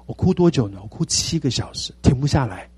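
Sex: man. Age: 60s. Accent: Taiwanese Mandarin. Role: fast-talking pastor. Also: medium pitch, breathy edge, no room sound. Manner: animated storytelling, repeating phrases for emphasis. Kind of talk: sermon testimony.

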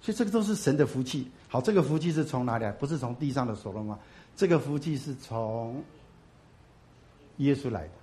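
A pastor preaching to his congregation. He asks questions and answers them himself, swinging from loud emphatic bursts to low, soft asides. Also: expressive, brisk. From Taiwan. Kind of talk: sermon.

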